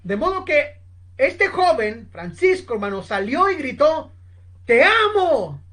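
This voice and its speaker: Slow, high-voiced woman preaching. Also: big pitch swings, fairly bright tone. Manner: addresses listeners as brothers constantly; slow, emphatic storytelling. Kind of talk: sermon. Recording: online seminar recording.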